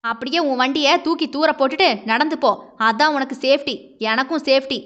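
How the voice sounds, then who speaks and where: A woman's voice: high-pitched, fairly quick, lo-fi sound. Woman voicing a blunt scolding young man. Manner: blunt, grumbling, sharp-tongued.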